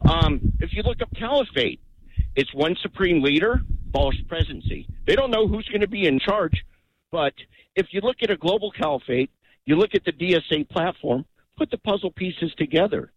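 A man calling in to a radio show, talking in an agitated, rambling, halting way. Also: sits high, lively intonation, slight background noise. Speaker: caller. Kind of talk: call-in radio. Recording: dull phone-line audio.

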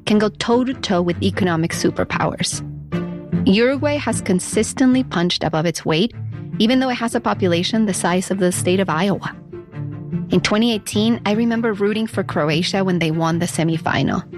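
A woman's voice: mid-range voice, fairly quick. A woman hosting and narrating a scripted piece in a conversational way, with personal asides. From United States. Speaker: host and narrator. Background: music bed.

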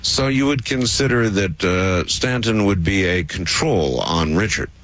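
A man hosting a call-in radio show in a smooth radio host manner, easygoing and chatty. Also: deep voice, a bit bright, no echo. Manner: easygoing, chatty, quick to laugh.

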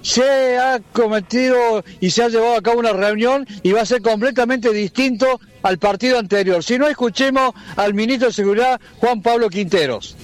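A man's voice: very high voice, moderate pace, hardly any pauses, no room sound. A man reporting live from a city street, chatting with the anchor. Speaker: field reporter.

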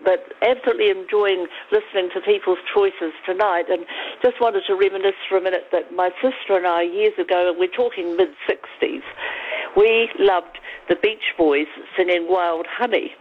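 An older woman with a New Zealand accent, calling a radio show over a landline phone, a little croaky after the flu, chatting and reminiscing. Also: fairly low pitch, normal speed, a little hiss or hum. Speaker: radio caller. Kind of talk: casual phone-in chat. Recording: tinny landline phone audio.

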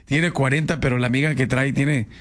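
A man's voice: medium pitch, steady tone, fairly quick, a bit bright. A man with a Mexican accent hosting a comedy radio show, joking and reading listener messages aloud. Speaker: radio host. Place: radio studio.

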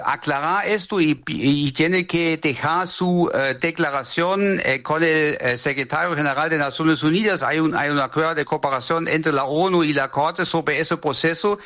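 A German man, a legal expert, answering interview questions in Spanish with a German accent, often pausing and repeating words as he searches for them. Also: a little high, fairly bright tone.

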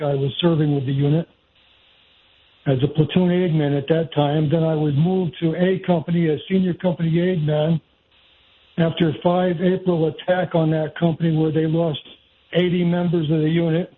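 An older man calls in over a phone line, and his voice comes through thin and tinny. He sits a little high in pitch and lays out his account in a measured, methodical way. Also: level tone. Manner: measured, recounts dates and numbers methodically. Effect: heard over a phone line. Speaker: caller, former military. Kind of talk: call-in radio talk.

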